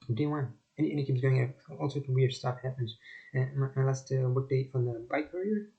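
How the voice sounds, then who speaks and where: A man's voice: medium pitch, fairly quick, vocal fry, mellow, highs cut off. A man talking in an unscripted monologue to camera, insistent and emphatic, repeating his points. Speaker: vlogger.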